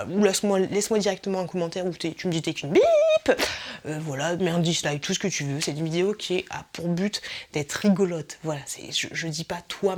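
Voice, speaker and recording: A woman's voice: fairly low pitch, slightly rough. A woman YouTuber in a casual, humorous vlog, teasing and addressing viewers directly. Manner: playful and teasing, mimics other creators in exaggerated voices.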